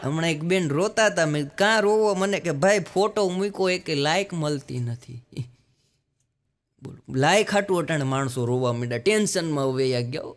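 A man performing stand-up jokes on stage, acting out voices in animated bursts. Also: on the high side, moderate pace. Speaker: stand-up comedian. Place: live stage show with audience.

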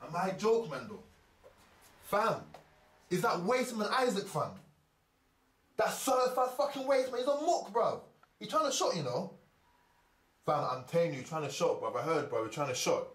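A man's voice: sits high, expressive, normal speed, long pauses, a bit bright, echoey room, rough recording. A man playing a furious street hustler. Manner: heated, swearing, slang-heavy. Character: angry young male street hustler on phone.

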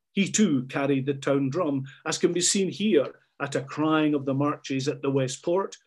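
A man's voice: medium pitch, darkish tone. A man reading a scripted documentary narration.

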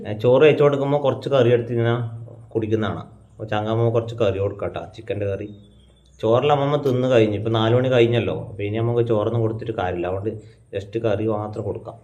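A young family vlogger from Kannur, Kerala, with a North Malabar Malayalam accent, chats casually with viewers at home, explains things as he goes, and loudly calls out to his grandmother. His voice is lowish and fast, and the lo-fi recording sounds dull.

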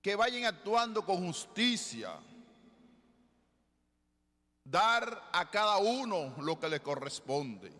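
A middle-aged man, a bishop from the Dominican Republic, preaching a sermon at the ambo with slow, deliberate phrasing and rhetorical questions. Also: sits high, very animated, sharp tone. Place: large basilica with congregation. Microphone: ambo microphone, far camera. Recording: long church reverb.

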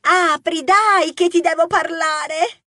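A woman voicing a bossy, loud female mouse neighbor who shouts imperiously. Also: takes it slowly, no echo, clean studio sound, exaggerated voice. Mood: insistent. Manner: shrill, pushy and imperious. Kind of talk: audiobook character voice.

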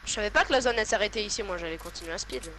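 A man's voice: high voice, lively intonation, racing, sharp tone, slight background noise. A young man chatting while gaming over a headset, dry and teasing in a laid-back way. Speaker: gamer. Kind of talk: casual gaming chat.

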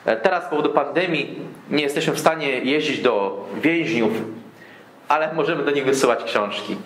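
A man's voice: a little high, moderate pace, fairly bright tone, slight background noise. A man giving a sermon as a guest preacher, telling stories and speaking straight to the congregation. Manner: storytelling, addresses the congregation directly. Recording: echoey hall with faint ambience.

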